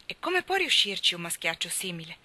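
A woman's voice: lowish voice, sing-song, fairly quick, pushed and bright, exaggerated voice. A woman reading aloud, voicing an earnest little boy who reproaches the others with an innocent air.

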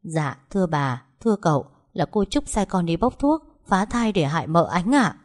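A woman's voice: fairly low pitch, lively intonation, moderate pace, darkish tone. A woman voicing a frightened young servant girl begging for mercy. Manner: trembling, begging.

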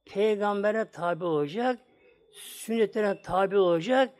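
A man's voice: high voice, unhurried, a little mellow. A man preaching a sermon, acting out the voices of the people in his story and speaking to his congregation. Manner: dramatic, acts out voices in stories; addresses the congregation.

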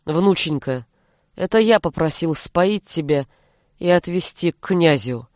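A woman's voice: lowish voice, animated, measured pace, darkish tone, no room sound. A woman reading an audiobook, voicing a stern old man, a grandfather and sorcerer, with a dry, commanding manner. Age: older.

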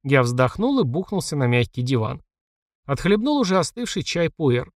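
Dude reading a fantasy audiobook, wry and dry, close mic no room. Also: male voice, a little high, big pitch swings, moderate pace, no room sound. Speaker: audiobook narrator. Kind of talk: first-person fantasy narration.

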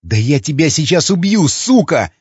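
A man voicing a desperate young man who shouts and breaks out in anger, pitched high and frantic. The audiobook recording is dry and dull, and the reader's tone is husky. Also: sing-song, normal speed, no echo. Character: desperate young man hunting his wife.

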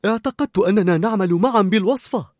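Guy doing a bossy young lady chef, snappy scolding, high voice, dry sound. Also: fast talker, no room sound, close to an everyday voice. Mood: sharp, scolding. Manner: sharp, scolding. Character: stern young woman head cook.

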